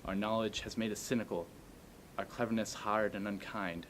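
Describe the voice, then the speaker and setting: A man giving an earnest recitation of a speech with measured, declamatory phrasing. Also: fairly even intonation, a bit bright. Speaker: amateur performer. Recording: faint noise and low rumble.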